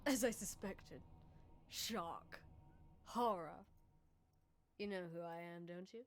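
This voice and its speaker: A woman's voice: on the low side, slow, slight background noise. A woman doing a curt masked male intruder. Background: game music.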